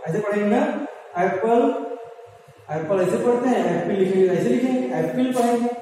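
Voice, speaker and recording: A man leads a classroom grammar lesson in a high, carrying voice. He keeps asking the class questions and answering them himself. The recording is roomy and echoey, picked up from far away, with a faint hum behind him. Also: brisk, dark tone. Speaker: English teacher.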